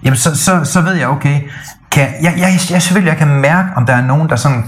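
A middle-aged man co-hosting a podcast, talking in a casual, animated way that often stumbles and restarts. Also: fairly high pitch. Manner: animated storytelling with frequent restarts. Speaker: podcast co-host. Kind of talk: casual chat.

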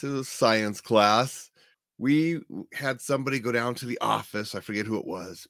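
A middle-aged man casually telling a personal story, animated and chuckling now and then as he goes. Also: medium pitch, no room sound, clean studio sound.

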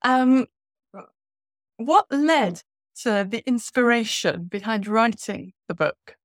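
A woman's voice: on the high side, animated, takes it slowly, no echo. Woman interview host in a dry room. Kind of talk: conversational interview hosting.

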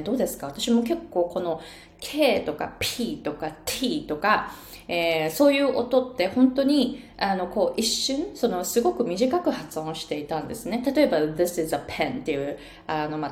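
A woman's voice: medium pitch, darkish tone. Woman coaching pronunciation, drags out sounds to show them, echoey room. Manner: demonstrates sounds by exaggerating them. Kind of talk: bilingual pronunciation lesson. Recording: roomy echo.

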